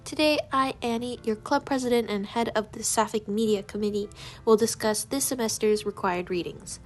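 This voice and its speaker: Woman doing a possessive young club president, sugary, unsettling, stuffy nose, a little higher and louder than normal. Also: fairly even intonation, moderate pace, faint music behind, lightly acted. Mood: sweetly menacing. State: congested.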